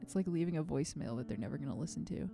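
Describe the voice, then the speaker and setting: A woman's voice: low-pitched, animated, very fast, gravelly, over music. A young woman hosting her own livestream, talking over a home streaming mic in a meandering, self-effacing way. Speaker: musician streaming her release party. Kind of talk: casual livestream chat.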